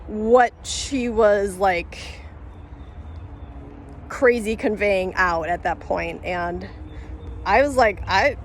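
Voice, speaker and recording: Her voice is medium in pitch and very slow, broken by long pauses, with a faint hiss or hum on the recording. The vlogger chats to camera in a loose, rambling way, laughing, restarting and using plenty of fillers.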